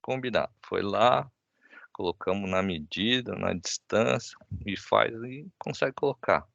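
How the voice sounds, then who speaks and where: A lower-voiced man with a gravelly edge tells a family story in a casual, animated way. He keeps asking "né?" and acts out the lines himself. His voice sounds dry and dull, as if it comes over a lo-fi video call. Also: a little slow, dry recording. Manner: animated anecdote, many "né?" tags, acts out his child's lines. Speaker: guest speaker.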